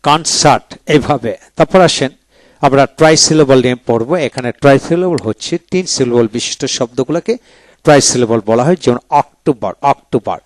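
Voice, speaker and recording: A man teaching a pronunciation lesson, reading each English word twice in a slow, repetitive drill. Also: mid-range voice, no echo.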